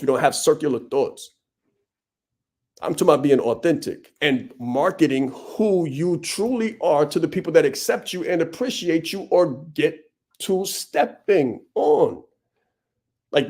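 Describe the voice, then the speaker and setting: A man from Vietnam, a podcast host and business coach, delivers a blunt, preachy motivational monologue on his business podcast, packed with punchy repetition. His voice sits at medium pitch and is a little mellow.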